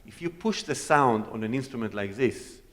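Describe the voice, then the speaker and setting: Speaking with a medium pitch at a moderate, animated pace, a Hebrew-speaking guest cellist fields questions from a concert audience. He explains things warmly and demonstrates while talking, his voice distant and echoing through the hall.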